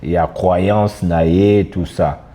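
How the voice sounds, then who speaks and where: A man with a Congolese French accent co-hosting a casual discussion, talking haltingly and giving examples in mixed French and Lingala. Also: sits low, fairly even intonation, dark tone. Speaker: podcast co-host.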